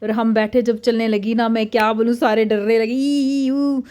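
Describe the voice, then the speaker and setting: A woman in her thirties, a mother narrating a family vlog in a chatty, excitable way. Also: fairly high pitch, a little fast, clean tone.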